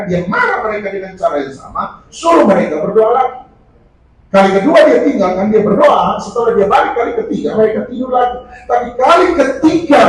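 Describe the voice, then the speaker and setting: A high-voiced male pastor delivers an animated sermon, shouting lines for emphasis and acting out the people he quotes. He stands well back from the microphone. The sound carries heavy echo through a large hall over a faint hiss. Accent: Indonesian. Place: church prayer meeting hall. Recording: distant, very echoey hall with faint noise.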